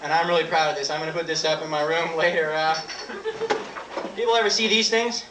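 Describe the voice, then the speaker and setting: A man in his twenties doing live stand-up comedy with props in a halting, offhand way. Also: fairly high pitch, steady tone. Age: 20s. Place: small dark theatre stage with audience. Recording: roomy old videotape, distant, audience noise. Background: audience laughter and crowd noise.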